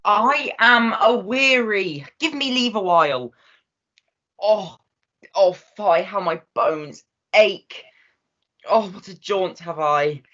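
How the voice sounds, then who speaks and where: A bawdy old nurse groaning about her aching bones, played by a young woman. The voice sits fairly low, and the recording is slightly muffled. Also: big pitch swings, a bit bright, full character voice. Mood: weary. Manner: groaning, drawn-out complaining. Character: old female nurse, weary, bawdy, teasing. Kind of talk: Shakespearean stage acting.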